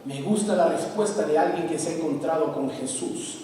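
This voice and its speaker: A man from Peru, preaching a sermon, swinging between loud emphasis and soft asides. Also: a little high, normal speed. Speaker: pastor. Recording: echoey hall, from far off.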